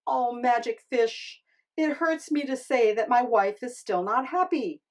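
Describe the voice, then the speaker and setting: A woman voicing a meek, kindly fisherman, a reluctant husband in a storybook tale, speaking in a gentle, hesitant, pleading way. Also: on the high side, lively intonation, measured pace. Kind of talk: storybook character acting.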